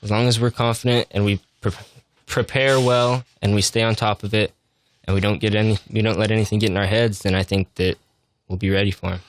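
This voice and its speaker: A man's voice: lowish voice, steady tone, a little fast. A young man, a football player, giving casual answers in a sports interview.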